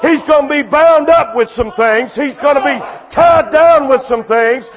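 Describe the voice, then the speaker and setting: High-voiced shouting male preacher. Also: measured pace, dull audio. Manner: impassioned, often shouting, repetitive preaching cadence. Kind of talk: sermon.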